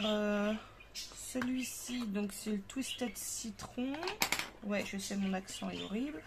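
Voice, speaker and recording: Brief: woman, craft tutorial host, chatty and hesitant, home recording with noticeable noise and parakeets chirping. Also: medium pitch. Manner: chatty, thinks aloud with many fillers. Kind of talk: casual craft demonstration. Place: home craft table with parakeets and kids nearby.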